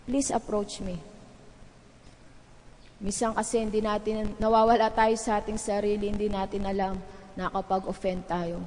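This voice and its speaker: A woman's voice: medium pitch, a little mellow. A middle-aged woman pastor, preaching an earnest sermon in a conversational way and turning to the congregation with asides. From Philippines. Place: large church sanctuary. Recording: echoey church hall reverb.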